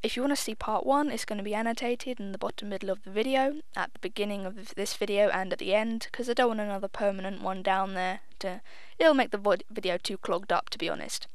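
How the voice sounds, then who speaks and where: A young female gaming host talks fast with few pauses, her medium-pitched voice clean, echo-free and fairly even in intonation. Her chatty commentary is self-deprecating and peppered with offhand swearing, and she admits she sounds a little nervous.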